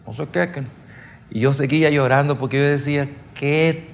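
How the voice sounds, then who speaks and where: A man's voice: medium pitch, fairly even intonation, a little fast, vocal fry. A man preaching at a seminar, telling his testimony with emotion and calling the listeners brothers. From El Salvador. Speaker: pastor. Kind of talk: sermon testimony. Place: church or seminar hall.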